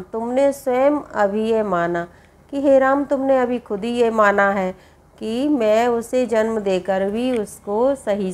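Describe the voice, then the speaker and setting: Woman teacher doing a poetry lesson, higher voice, slow and patient, reads a line then explains it over and over. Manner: reads verse lines, then explains them in plain words with many repeats.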